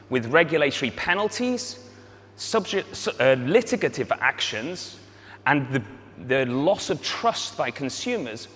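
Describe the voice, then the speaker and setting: Man, North Wales accent, lively swooping intonation, business pitch, reverberant noisy hall. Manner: rhetorical questions and wry asides to the audience. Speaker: company chief executive and co-founder giving a pitch. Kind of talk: live business presentation. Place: indoor hall at a demo day event. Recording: echoey hall, noisy live event.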